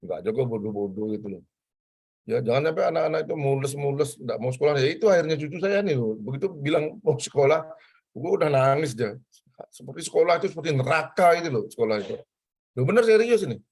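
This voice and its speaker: An older man from Bali, a civil service trainer, giving a lively, preachy lecture to trainees and slipping in Javanese phrases. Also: mid-range voice, quick pace, breathy edge.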